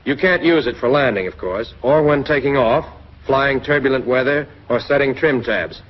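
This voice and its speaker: An American man with a mid-range voice speaks at normal speed, reading scripted narration for a 1940s military training film. He addresses the listener directly and instructively, and the soundtrack is muffled and husky.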